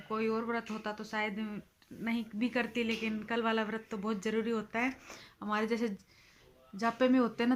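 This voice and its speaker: A woman vlogging about her day at home, talking chattily to her viewers and coaxing her small child. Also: a little high. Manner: chatty, addresses viewers directly; coaxing, playful when talking to her toddler. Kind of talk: casual daily home vlog narration. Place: family home.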